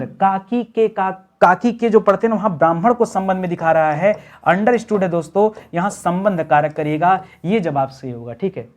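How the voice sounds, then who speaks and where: A man's voice: high-pitched, darkish tone. Male Hindi teacher, talky and teasing, asks the class questions and answers them himself. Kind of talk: online exam-prep lesson.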